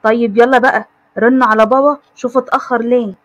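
A woman's voice: fairly high pitch, steady tone, fast talker, muffled recording, close to an everyday voice. A woman voicing a bossy, cheerful young heroine who teases her brothers in an Egyptian accent. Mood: bossy teasing. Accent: Egyptian Arabic. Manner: teasing, bossy.

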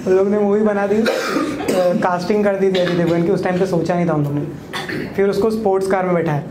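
A young male stand-up comedian with a high-pitched, steady voice tells a crude, casual story at a fairly quick pace, checking in with the crowd. The echoey club room is filled with loud audience laughter.

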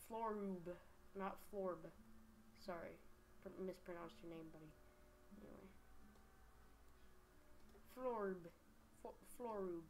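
A woman's voice: mid-range voice, a little hiss or hum. A young woman casually commenting on her gameplay at home, chatty and giggly, talking to the creatures on screen. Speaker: gaming video host. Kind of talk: casual let's-play commentary. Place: home room. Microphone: home desk microphone.

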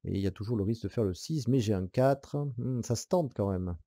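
Speaking fairly quickly in a lowish voice, a man walks through a board game he's playing by himself, explaining rules, counting dice and casually considering each move aloud. His tone is relaxed, peppered with hesitant fillers and soft laughs. There's no room sound, just clean studio audio for this solo playthrough tutorial.

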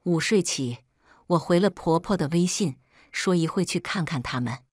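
Woman storyteller, low voice, steady measured reading, dry close sound. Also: no echo. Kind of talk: first-person scripted story narration.

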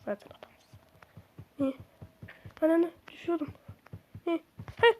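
A young woman with a high-pitched voice talks through a video game in casual commentary. She gets excitable, swears at the game and shrieks when things go wrong. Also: a little slow, slight background noise. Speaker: gaming streamer.

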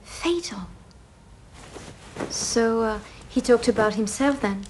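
A woman's voice: on the high side, slow pace, a little hiss or hum. An actress playing a curious woman who eagerly echoes the other's words and keeps asking questions. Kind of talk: film dialogue.

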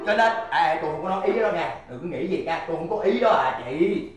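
A man's voice: on the high side, animated, fast talker, very echoey, close to an everyday voice. A man playing a cheerful, boastful older village man in a stage comedy sketch, who exclaims and protests a lot. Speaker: comedy skit actor.

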